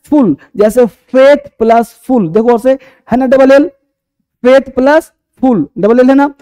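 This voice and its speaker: A man's voice: very high voice, a little slow, mellow. A man teaching a class, who quizzes the students, answers his own questions and repeats each point, calling students by affectionate terms. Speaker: English teacher.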